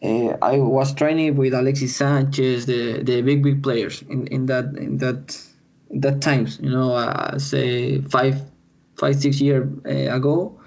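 A Chilean man with a Spanish accent, a footballer answering podcast interview questions in English, halting and repeating words as he searches for them. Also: medium pitch, level tone, vocal fry, a little mellow. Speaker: footballer guest.

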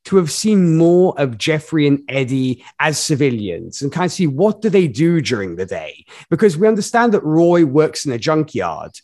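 A man on a casual film podcast who rambles through his thoughts with lots of fillers. His voice sits a little high for a man, and it rises and jumps often as he gets excited and laughs. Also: normal speed, hardly any pauses. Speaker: podcast co-host. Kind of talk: casual movie review chat.

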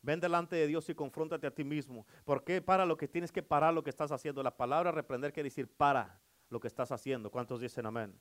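A man's voice: fairly high pitch, fairly quick. A middle-aged male pastor preaching a sermon, emphatic and repetitive, often calling for amens.

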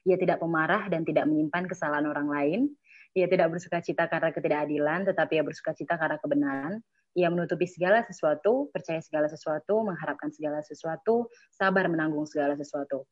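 A woman reading scripture aloud in a steady recital. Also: low voice, fast talker. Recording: dull lo-fi recording.

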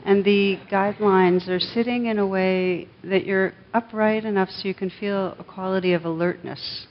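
Speaking slowly and instructively, a female teacher guides a live group through meditation in a room. She keeps a steady tone, with soothing, measured short phrases and pauses between them. There's a clear background rumble on the dull, lo-fi recording.

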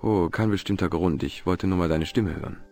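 A man's voice: sits low, a little fast, vocal fry, a little mellow, faint music behind. An actor voicing a polite, wry male adventurer in a video game, dry and ironic.

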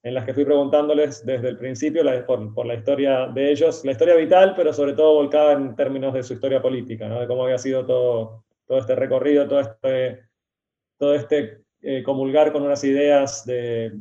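Fast-talking man with a mellow voice. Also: mid-range voice, fairly even intonation. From Argentina. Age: 40s. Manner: fast, stammering restarts. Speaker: guest writer. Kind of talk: interview. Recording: slightly dull, muffled sound.

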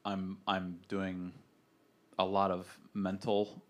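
A man's voice: low-pitched, completely flat delivery, takes it slowly. A man co-hosting a podcast, talking casually and reflectively, with frequent hesitations and restarts. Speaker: podcast co-host. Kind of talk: casual faith podcast chat.

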